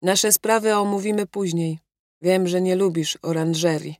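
Wry aristocrat, voiced by a female audiobook reader, low and dry, teasing understatement. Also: steady tone, normal speed, a little mellow, dry recording, close to an everyday voice. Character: male aristocrat, wry and good-humored. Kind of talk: audiobook character reading.

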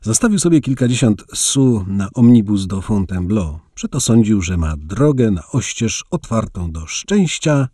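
A man narrating an audiobook story in an expressive storytelling manner. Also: fairly low pitch, normal speed, few pauses, dry recording, clean studio sound.

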